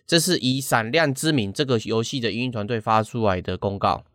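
A man's voice: mid-range voice, a little fast, fairly bright tone, no room sound. Man hosting, dry close sound. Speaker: podcast host. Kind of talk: casual chat and reading news aloud.

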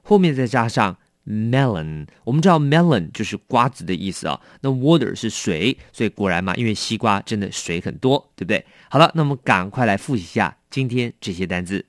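A man teaching English vocabulary in a lively, coaxing way, asking his learners questions. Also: on the low side, a little fast, few pauses, no echo, clean studio sound. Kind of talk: bilingual vocabulary lesson.

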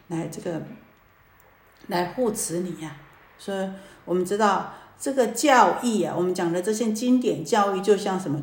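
Woman giving a sermon in an echoey room. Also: fairly low pitch. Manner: lively, animated storyteller with many drawn-out fillers. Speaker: Buddhist Dharma teacher. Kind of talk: sermon with storytelling.

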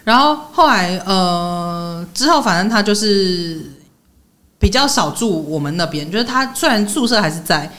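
A young woman, co-hosting a podcast and telling stories in a lively way, laughing often. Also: mid-range voice, moderate pace. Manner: animated storyteller, laughs often. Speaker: podcast co-host. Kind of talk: casual chat.

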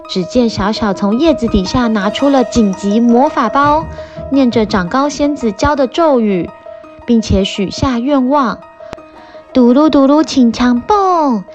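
A woman hosting a children's story show, narrating a storybook in a lively, expressive way. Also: fairly high pitch, moderate pace, highs cut off, over music. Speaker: storyteller host.

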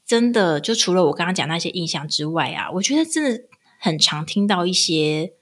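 A woman's voice: fairly low pitch, animated, fairly quick, a bit bright. A woman, casually chatting as a podcast co-host and acting out quotes with laughter. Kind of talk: casual chat.

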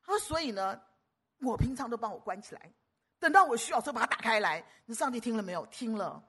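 A woman preacher delivering a sermon, emphatic and animated, often stumbling and repeating words. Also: a little high, quick pace, husky.

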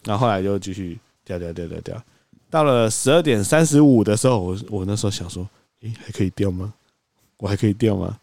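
A man, co-hosting a podcast, telling a story in an animated way and acting out quoted lines. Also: fairly low pitch, brisk, creaky, dry recording. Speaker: podcast co-host. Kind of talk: casual storytelling chat.

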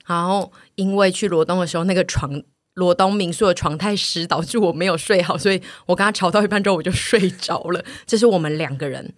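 Fast-talking woman telling a story. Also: fairly low pitch, no echo, studio quality. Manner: animated retelling, acting out both sides of a quarrel. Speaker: podcast co-host. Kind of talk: casual storytelling.

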